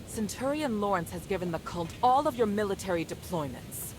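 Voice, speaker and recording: A woman's voice: mid-range voice, expressive, fairly quick, music in the background, lightly acted. A woman voicing an earnest, defiant noble mistress in a dramatic video game, speaking formally and urgently. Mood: indignant.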